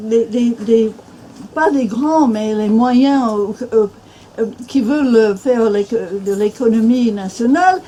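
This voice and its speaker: An older American woman speaks French in a halting way, full of restarts and fillers. Her voice sits fairly high but sounds mellow and dark. There is faint noise behind her, from a bookshop event room. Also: low-quality recording. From Minnesota, USA. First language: English. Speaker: author and guest speaker. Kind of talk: panel discussion.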